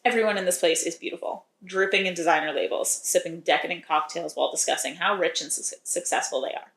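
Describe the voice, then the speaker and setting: A woman co-hosts a podcast and recaps a romance novel in a chatty, wry tone, laughing often. Her voice sits a little low. The room adds a noticeable echo. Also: fast, creaky, fairly bright tone. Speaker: podcast co-host recapping a book. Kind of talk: casual chat.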